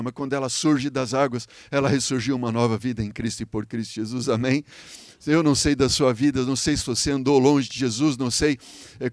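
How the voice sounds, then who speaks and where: A Brazilian man preaching a sermon as pastor, telling a story with emotion, swinging from loud appeals to soft, hushed lines and asking the congregation "Amém?". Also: mid-range voice, no room sound. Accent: Brazilian Portuguese.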